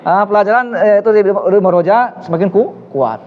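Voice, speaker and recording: High-voiced man teaching Arabic. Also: brisk. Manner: encouraging, praises answers often. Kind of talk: classroom Arabic lesson. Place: mosque classroom. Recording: dull reverberant room recording.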